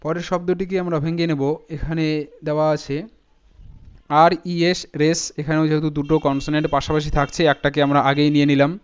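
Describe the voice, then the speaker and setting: Male teacher, careful syllable-by-syllable delivery, clear resonant tone, muffled lo-fi sound. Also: on the high side, level tone. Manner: slow, deliberate spelling out of letters and syllables. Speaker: English teacher. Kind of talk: spoken lesson breaking words into syllables. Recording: dull lo-fi sound.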